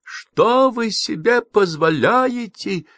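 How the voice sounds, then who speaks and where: A shrill, bitter old woman from a storybook, shrieking in hysterics, voiced by a man reading aloud. She sits well above a low male voice and sounds pinched and tearful. The read is dry and close. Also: sing-song, unhurried, a bit bright, no room sound, full character voice. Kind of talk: audiobook character voice.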